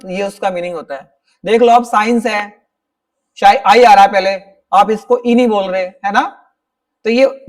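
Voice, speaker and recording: A man's voice: high-pitched, distant mic. A male teacher giving a spelling lesson, explaining step by step and often checking that his students follow. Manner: explains slowly, often checks understanding with tag questions. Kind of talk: classroom-style spelling lesson.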